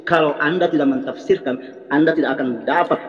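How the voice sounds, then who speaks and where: A man's voice: a little high, brisk, long reverb tail, muffled recording, soft background music. A preacher arguing insistently in a heated debate, repeating his points. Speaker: Islamic preacher.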